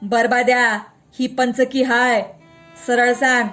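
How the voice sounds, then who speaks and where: Woman doing a stern crippled village elder man, firm, loud, high storybook voice. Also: little pitch movement, slow, faint music behind.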